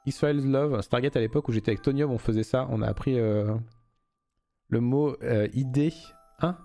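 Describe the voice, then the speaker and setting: A man's voice: medium pitch, moderate pace, vocal fry, warm tone, soft background music. A young man streaming a game live, reading the story aloud and chatting loosely with viewers, swearing freely.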